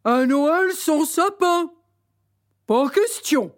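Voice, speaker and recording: A woman voicing a jolly, plump old Santa who is tired and hungry, speaking slowly and heartily in a storybook reading. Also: on the high side, a little mellow, dry recording, clean studio sound. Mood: hearty. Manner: slow, hearty, exclaiming.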